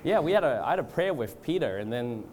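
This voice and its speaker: As a guest preacher at a revival gathering, this man with a cold delivers an informal sermon and leads the congregation in prayer. Australian-born and later moved to Canada, he speaks hesitantly at a medium pitch with big pitch swings, over background noise.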